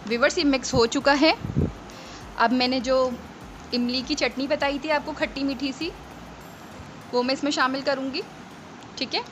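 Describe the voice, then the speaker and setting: A woman's voice: sits high, fairly even intonation, normal speed, pauses often, fairly bright tone. A woman from Pakistan hosting a home cooking tutorial in her kitchen, talking viewers through each step in a chatty way and checking in with them often. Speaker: cooking channel host. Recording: noisy home recording.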